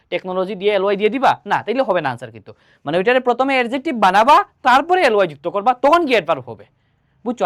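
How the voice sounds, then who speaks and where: Fast, lively teacher. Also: medium pitch. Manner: quizzes students with questions, then answers them at once. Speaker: English grammar teacher. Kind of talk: exam-prep lesson explaining grammar rules.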